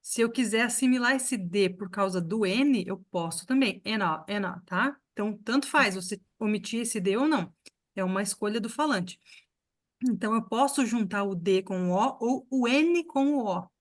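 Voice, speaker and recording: A woman teaching a live online pronunciation lesson, explaining patiently and repeating sounds slowly for her students. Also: mid-range voice. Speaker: English teacher.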